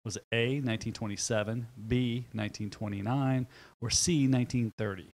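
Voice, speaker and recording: A man's voice: mid-range voice, steady tone, a little fast, darkish tone, rough recording. A man acting as quiz master on a talk show, reading multiple-choice trivia questions with a playful, jokey manner.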